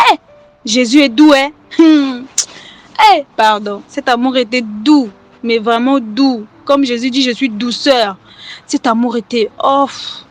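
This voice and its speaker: A woman with children giving an earnest personal testimony, halting and repeating her words often. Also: fairly high pitch. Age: adult with children. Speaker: testimony giver.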